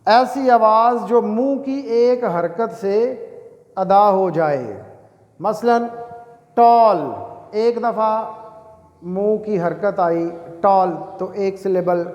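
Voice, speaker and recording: A man teaching English grammar, dictating example sentences slowly and deliberately, then asking questions and answering them himself. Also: high-pitched, darkish tone, dull audio. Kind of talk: grammar lesson. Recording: echoey room with long reverb.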